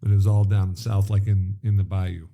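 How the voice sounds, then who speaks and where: Middle-aged male podcast co-host, lowish warm voice, eager storyteller. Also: level tone, moderate pace, gravelly. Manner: enthusiastic storyteller. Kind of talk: casual chat.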